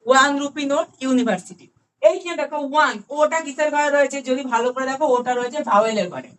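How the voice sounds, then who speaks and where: A woman with a Bengali accent teaching an online grammar class, explaining patiently, repeating key words slowly and checking that students follow. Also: sits high, slight background noise. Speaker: English grammar tutor.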